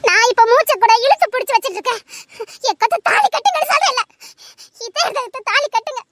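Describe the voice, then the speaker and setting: A woman's voice: very high-pitched, lively intonation, fast talker, fairly bright tone, no echo. A woman voicing a desperate young woman who tearfully and insistently begs her lover to marry her, in an audio drama. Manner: pleading, tearful, insistent repetition.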